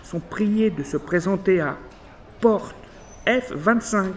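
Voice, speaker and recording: A man's voice: sits high, takes it slowly, slight background noise. A man reading scripted airport announcements in a formal, segmented, phrase-by-phrase delivery.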